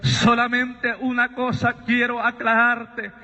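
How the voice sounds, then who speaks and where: A man quoting a calm old man, slow and tender. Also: extremely high pitch, in a large hall, dull audio, full character voice.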